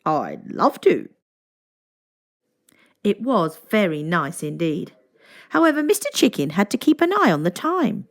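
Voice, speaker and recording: Reading a children's story as narrator, a medium-pitched woman uses very lively intonation and deliberate, expressive phrasing.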